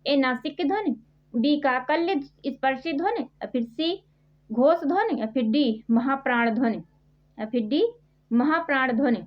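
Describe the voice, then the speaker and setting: A woman runs through multiple-choice grammar questions at an unhurried pace, repeating each question and answer. Her voice sits high and is measured. The recording is dull and lo-fi. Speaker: Hindi grammar teacher. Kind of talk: quiz-style exam prep lesson. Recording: dull lo-fi sound.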